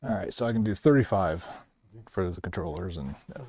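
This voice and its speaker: A man's voice: low-pitched, lively intonation, brisk, a little mellow. A middle-aged man working as a shopkeeper, chatting casually with customers. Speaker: shop owner or clerk streaming.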